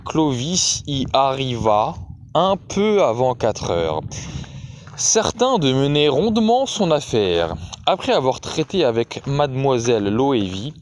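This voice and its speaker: Man narrating a classic novel slowly. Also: medium pitch, a little hiss or hum. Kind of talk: literary audiobook narration.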